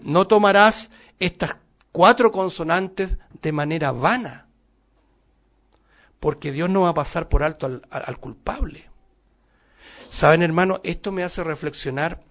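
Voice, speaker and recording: A man's voice: sits high, a little slow, pauses often. A middle-aged male preacher giving a sermon, emphatic and full of rhetorical questions to the congregation.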